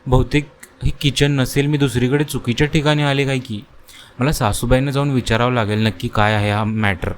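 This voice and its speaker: A man voicing a young, anxious but dutiful newlywed daughter-in-law in a cartoon story, speaking in a high, surprised and pleading way. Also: fairly even intonation, brisk, slight background noise, lightly acted. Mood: puzzled.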